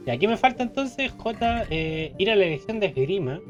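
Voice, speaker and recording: A man's voice: high-pitched, big pitch swings, moderate pace, muffled recording, faint music behind. A man with a Chilean accent giving casual, joking let's play commentary, reading game text aloud. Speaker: gaming streamer.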